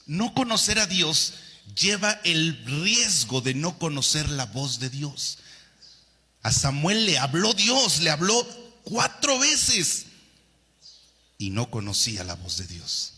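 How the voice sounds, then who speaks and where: Male pastor, lively sermon delivery, bright slightly high voice, slow and deliberate pace, long hall echo. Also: slightly rough. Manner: animated preaching, swinging between soft and loud.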